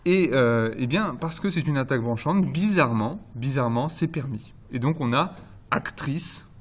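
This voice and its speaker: A man giving a recorded university lecture on phonology. He explains step by step, often pausing on fillers and restarting phrases, and slows down to spell out each example. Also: medium pitch.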